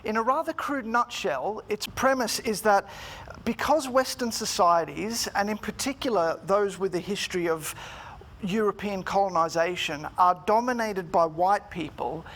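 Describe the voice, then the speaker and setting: A man giving a prepared, formal talk in a measured, deliberate way, phrase by phrase. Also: sits high, fairly bright tone. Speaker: speaker giving a talk, student teacher.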